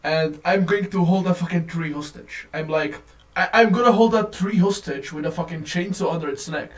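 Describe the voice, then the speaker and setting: Man ranting on a low-quality phone recording. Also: normal speed, far from the mic. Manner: profane, rambling, animated. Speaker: vlogger. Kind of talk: casual rant to camera.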